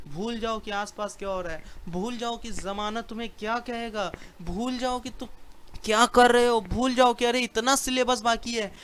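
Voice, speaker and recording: A man's voice: high-pitched, a bit bright, a little hiss or hum. A man giving a motivational lecture to students on study skills in an auditorium, talking emphatically and colloquially, repeating phrases and asking rhetorical questions.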